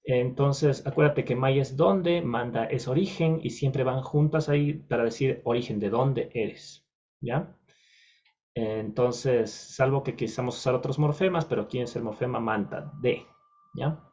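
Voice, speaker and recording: A man explains a language lesson to the camera at a patient, steady pace, often pausing on fillers and correcting himself mid-word. His voice sits at a middling pitch for a man. The audio is dull and slightly lo-fi. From Ecuador. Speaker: language teacher. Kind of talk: recorded video lesson.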